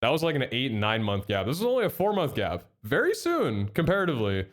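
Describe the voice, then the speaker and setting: A young man speaks briskly at medium pitch during a live stream, sounding a little nasal from a head cold. He's excitable and chatty, reading the chat out loud and thanking his subs.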